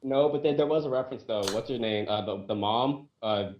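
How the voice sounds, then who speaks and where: A man's voice: medium pitch, fairly quick, echoey room, muffled recording, a little hiss or hum. A man co-hosting a casual podcast chat, talking with many hesitations. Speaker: podcast co-host.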